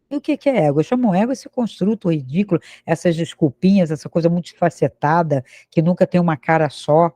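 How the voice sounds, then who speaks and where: Brazilian guy giving a spiritual talk, kinda high voice but mellow, keeps throwing questions at you. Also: dry recording. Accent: Brazilian Portuguese. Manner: fires rhetorical questions at listeners; acts out the excuses of imagined people. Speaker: spiritual teacher. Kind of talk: spiritual lecture.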